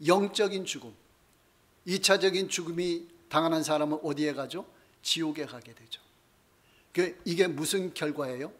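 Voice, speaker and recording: Man preaching a sermon with rhetorical questions. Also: on the high side. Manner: asks the congregation rhetorical questions, then answers them himself; slows down and drops softer to end key points. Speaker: pastor. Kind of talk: Bible study sermon. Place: church.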